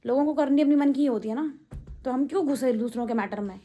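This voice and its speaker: Brief: young woman vlogger, high-pitched, rapid and indignant, casual rant to camera. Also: warm tone. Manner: fast-talking, indignant, addresses critics directly.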